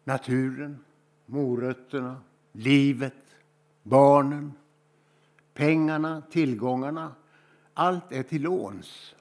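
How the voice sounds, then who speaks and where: A man from Sweden preaching a sermon, telling stories slowly and reflectively, with emphatic pauses. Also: mid-range voice, a little mellow.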